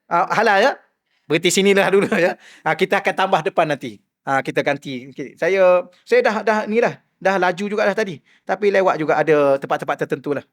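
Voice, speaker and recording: Lively religious teacher, man. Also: sits high, a little fast. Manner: lively, rhetorical questions to the audience, acts out quoted voices. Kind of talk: mosque lecture.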